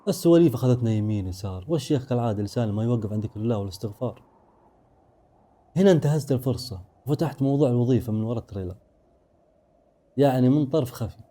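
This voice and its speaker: Male storyteller, fast dramatic narration, dark mellow tone. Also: medium pitch, expressive. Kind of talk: first-person horror story narration.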